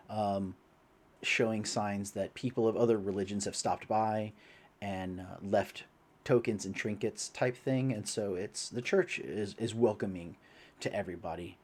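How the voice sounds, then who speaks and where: A young man narrates a tabletop game as game master. His voice sits fairly low, and he rambles along with plenty of ums and uhs. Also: a little mellow. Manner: rambling, many fillers.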